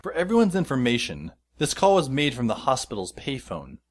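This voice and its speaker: Playing a wry, exasperated teenage schoolboy in a fan audio drama, this male narrator and lead actor delivers scripted first-person narration in a dry, sardonic way. His mid-range voice swings hugely in pitch, and his pace is brisk.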